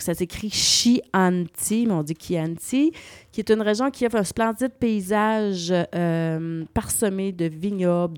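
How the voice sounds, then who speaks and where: Québécois woman, travel columnist, dry close sound, lively explainer. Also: lowish voice, no room sound. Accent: Québécois French. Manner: lively, explanatory, spells out place names. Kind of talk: radio travel segment.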